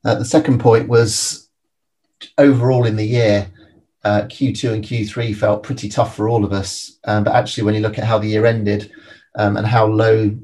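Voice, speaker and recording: A man gives analytical interview answers as a finance expert. His voice sits fairly low and moves very little in pitch, with a measured, point-by-point delivery. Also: little pitch movement, a little mellow. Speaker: private equity expert guest.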